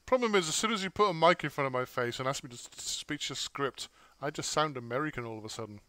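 A man with a very bright, sharp voice, joking and swearing as he plays a co-op military game. He breaks into slow, clipped radio calls now and then, at a mid pitch. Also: animated, no echo. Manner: joking, swears, laughs a lot. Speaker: player.

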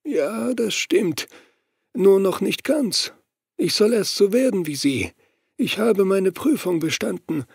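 A sinister cursed man, half a ghost already, purring his words in a thin, raised voice, as a male reader puts him on. He speaks softly and slowly, with a creepy, grinning menace. The audiobook sound is dry and close. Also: high-pitched, expressive, gravelly, breathy edge, no room sound, voice pushed up, exaggerated voice. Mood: menacing. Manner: soft, slow, creepy whispering tone.

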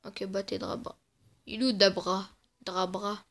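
A woman's voice: mid-range voice, level tone, unhurried, fairly bright tone. A woman giving casual let's-play commentary, playful and trash-talking the game, often muttering under her breath. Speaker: gamer.

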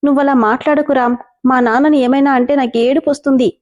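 A woman voicing a timid young woman in love who cries easily, speaking softly and pleadingly. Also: fairly high pitch, expressive, fast talker, close to an everyday voice. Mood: tearful.

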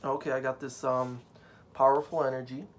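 A man's voice: mid-range voice, level tone, fairly quick. A man hosting a casual card-unboxing chat at home on a couch, rambling and joking, with many fillers. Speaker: channel host.

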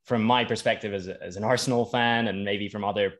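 A podcast host with a lowish voice sets up long, winding questions for his guest. He restarts his phrases often and circles back before landing the point. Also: fairly even intonation, a little fast, a bit bright. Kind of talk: casual interview questions.

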